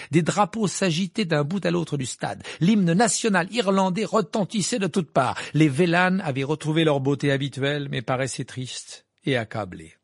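Expressive husky male audiobook narrator. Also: on the high side, dry recording, studio quality. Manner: expressive, animated reading. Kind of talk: scripted narration.

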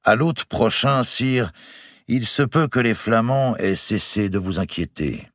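A man doing a slow, careful court astrologer. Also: deep voice, lively intonation, husky, no echo, studio quality, exaggerated voice. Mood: measured. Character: cautious older male court astrologer, slow-spoken.

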